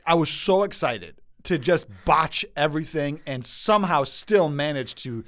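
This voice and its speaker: A man hosting a podcast as a pastor, telling stories in relaxed back-and-forth chat. He laughs easily and gets animated mid-story, his voice jumping up when he tells a punchline. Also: on the high side, normal speed.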